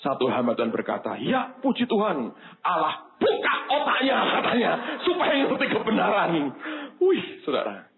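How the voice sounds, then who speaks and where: A man's voice: high voice, huge pitch swings, moderate pace, noisy background. A man preaching a sermon in with a touch, telling a story and acting out the people he quotes. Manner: storytelling, acts out the people he quotes, addresses the congregation as "saudara". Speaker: pastor. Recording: tinny phone-like sound.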